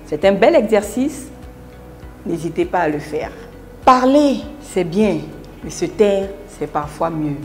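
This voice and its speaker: A woman giving a public speaking lesson in scripted narration, deliberate, with emphatic pauses and big shifts between loud and soft. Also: fairly low pitch, animated, faint music behind. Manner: deliberate, with emphatic pauses and wide swings in loudness.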